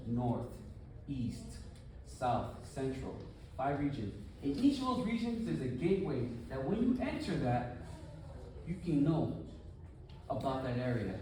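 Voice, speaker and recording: Animated man in an echoey room. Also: fairly high pitch, distant mic, a little hiss or hum. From United States. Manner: animated, conversational, rhetorical questions. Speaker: conference speaker. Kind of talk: conference talk. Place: conference hall.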